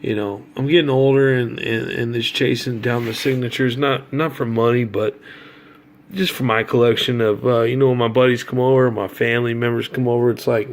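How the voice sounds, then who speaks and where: A man's voice: medium pitch, steady tone, brisk. A middle-aged man casually telling rambling, slangy fan stories, swearing now and then. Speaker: autograph collector and fan. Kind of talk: casual storytelling vlog.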